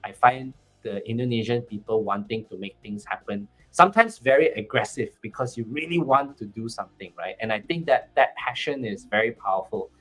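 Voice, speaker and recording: This panel guest, a country manager with a Malaysian accent, speaks expressively and fairly quickly with hardly any pauses, in a medium-pitched, fairly bright voice. The talk is casual, and he keeps restarting and repeating words.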